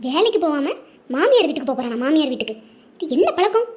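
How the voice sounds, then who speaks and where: Cartoon nag: a woman playing an older mother-in-law with a Tirunelveli Tamil accent, very high and quick, bossy. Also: animated, darkish tone, a little hiss or hum. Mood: scolding. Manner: scolding, bossy. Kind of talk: cartoon voice acting.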